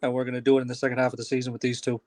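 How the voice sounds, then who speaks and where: An excitable man on a fan podcast. He jokes around and swears as he talks. His voice is mid-pitched and sounds dry and close. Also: rapid-fire, dry recording. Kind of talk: casual football podcast chat.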